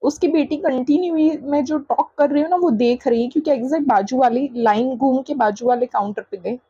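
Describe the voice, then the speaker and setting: Vlogger mom, high husky voice, indignant storyteller, dull lo-fi audio. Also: female voice, fairly quick, warm tone, dry recording. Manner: indignant, recounting an incident with quoted dialogue. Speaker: vlogger, mother. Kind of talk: casual storytelling to camera.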